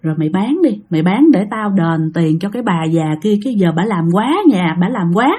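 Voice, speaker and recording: A woman's voice: lively intonation, brisk, dark tone, breathy edge. A woman voicing a troublemaking young man who begs a friend urgently. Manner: low, urgent, begging.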